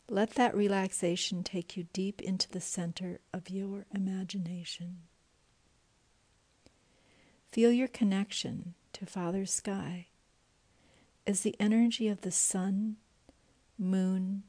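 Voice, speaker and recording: A woman leading a guided meditation in a soft, breathy voice that often drops to a whisper. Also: mid-range voice.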